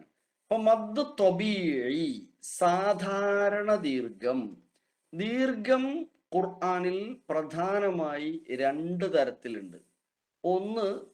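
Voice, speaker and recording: A man teaching an online Quran reading class, patiently repeating key terms slowly for his students. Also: mid-range voice.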